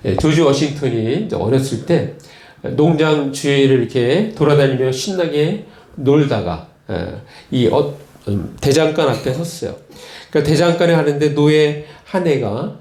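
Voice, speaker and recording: A male pastor preaching a sermon, retelling stories slowly with frequent fillers and repeated words. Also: a little high, darkish tone, echoey room. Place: church.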